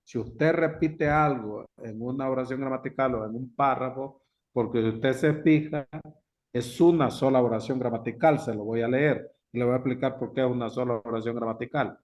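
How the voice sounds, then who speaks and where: A man's voice: mid-range voice, a little mellow. Male pastor, bible class lecture, emphatic repetition, dull lo-fi sound. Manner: slow, emphatic, repeats key words. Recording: dull lo-fi recording.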